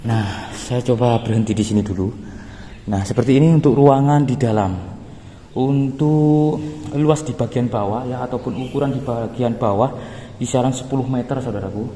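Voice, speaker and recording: A man's voice: mid-range voice, mellow. Man's voice echoing in a stone chamber. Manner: hesitant, many fillers, addresses viewers as friends. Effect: voice echoing in an underground stone chamber. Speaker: travel vlogger exploring a site. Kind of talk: casual walk-through narration. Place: underground carved stone chamber. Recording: long reverb from a stone hall, faint ambient noise.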